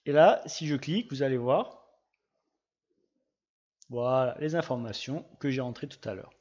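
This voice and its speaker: A man giving a casual screen-recorded software tutorial, chatting through each click with little sound words. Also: mid-range voice, a little slow, muffled recording. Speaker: GIS tutorial presenter.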